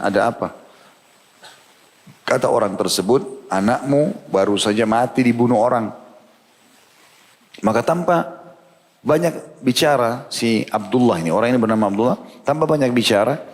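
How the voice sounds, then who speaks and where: A man giving a sermon, telling a story with animated delivery and acting out the characters' lines. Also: medium pitch. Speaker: preacher. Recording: long hall reverb.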